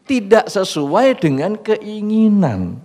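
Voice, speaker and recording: A man's voice: high-pitched, sing-song, slow pace, dark tone. A man giving a Buddhist sermon in a casual, conversational way, asking the audience questions and acting out the people in his examples. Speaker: Buddhist monk giving a Dhamma talk.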